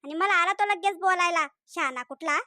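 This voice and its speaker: Someone putting on a bossy old cartoon granny, lower voice, nagging and mocking. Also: brisk, pushed and bright, dry recording, clean studio sound, exaggerated voice. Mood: scolding. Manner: bossy, scolding, sarcastic. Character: scolding, mocking old grandmother. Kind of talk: cartoon voice acting.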